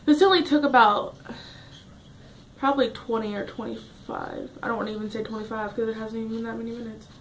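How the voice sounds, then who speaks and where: Young woman vlogger, high pitch, rambling casual chat at a table at home. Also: sharp tone. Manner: rambling, chatty, restarts often.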